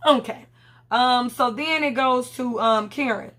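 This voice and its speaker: Woman, casual recap vlogger, blunt, profane, rambling, somewhat high voice. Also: a little slow, fairly bright tone. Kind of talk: casual reality show recap.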